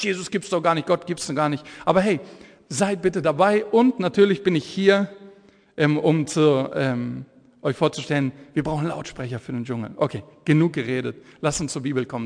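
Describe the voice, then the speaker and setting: Fervent male evangelist in his forties, lively storyteller, high voice, echoey church hall. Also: gravelly. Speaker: evangelist preacher. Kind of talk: energetic sermon with Bible storytelling.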